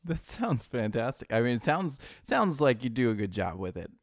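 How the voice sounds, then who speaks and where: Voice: mid-range voice, sing-song, normal speed, dry recording. A podcast host giving short, encouraging replies in casual chat.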